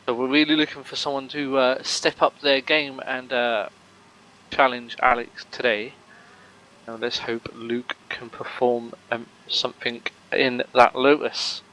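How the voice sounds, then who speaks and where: A man's voice: mid-range voice, flat delivery, measured pace, sharp tone, poor audio. A man commentating a sim race live, rambling with lots of fillers and joking banter with his co-host.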